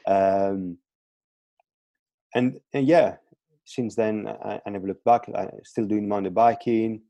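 A strength and conditioning coach from Crete, in his thirties, guests on a casual podcast, speaking Greek-accented English as his second language with hesitant fillers and repeated words. He takes it slowly, his fairly low voice creaky and mellow with fairly even intonation. The recording is dry and muffled.

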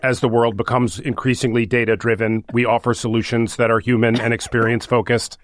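A man's voice: medium pitch, brisk, no room sound, studio quality, lightly acted. A man putting on a stiff robot voice. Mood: mocking. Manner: stiff, monotone robot-style delivery. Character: flat mock robot reading a corporate quote. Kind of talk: podcast chat, reading a quote aloud.

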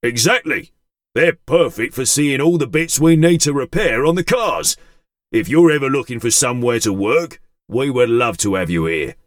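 Big square robot mechanic, voiced by a man, helpful, animated pitch, dry sound. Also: moderate pace, dry recording, close to an everyday voice.

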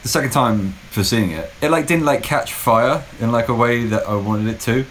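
A man's voice: medium pitch, moderate pace, slight background noise. A man co-hosting a podcast in casual chat. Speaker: podcast co-host.

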